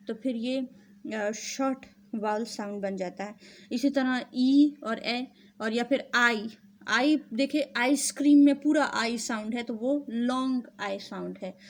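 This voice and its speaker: A woman teacher with a Pakistani accent, giving a recorded lesson to young pupils and explaining things slowly and patiently. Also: fairly high pitch, a little mellow. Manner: slow, patient explaining, mixing English and Urdu. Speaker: school teacher. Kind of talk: recorded classroom lecture.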